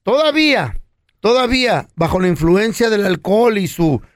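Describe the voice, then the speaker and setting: A man co-hosting a comedy radio show, telling a funny story in slangy, animated chat and acting out the voices. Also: sits high, normal speed, no room sound, studio quality.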